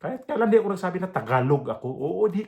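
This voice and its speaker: A man's voice: high voice, big pitch swings, rapid-fire, gravelly, darkish tone. A man with a Visayan accent giving casual reaction commentary in a blunt, proud way. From Visayas, Philippines. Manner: proud, blunt, with many fillers and restarts. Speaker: reaction vlogger.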